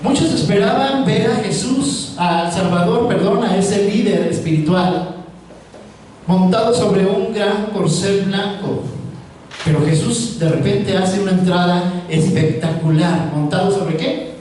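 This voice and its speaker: A man's voice: high-pitched, measured pace, a little mellow, a little hiss or hum. A man preaching a sermon, often asking his listeners questions and waiting for their answers. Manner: asks the audience frequent questions. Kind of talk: sermon with call-and-response. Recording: roomy echo, mic at a distance.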